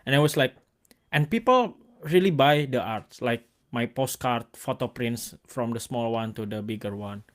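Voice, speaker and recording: A man from Indonesia with an Indonesian accent, hosting a casual interview, speaking in halting bursts full of restarts and fillers. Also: medium pitch. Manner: halting, restarts words, many likes and fillers. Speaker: host and photographer.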